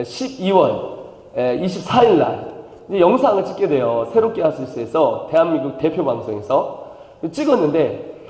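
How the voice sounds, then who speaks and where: A man's voice: fairly high pitch, warm tone, reverberant, big-room sound, rough recording. A man with a Chungcheong accent preaching a playful revival sermon, calling for amens and slipping into dialect impressions. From Chungcheong, South Korea. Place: church sanctuary.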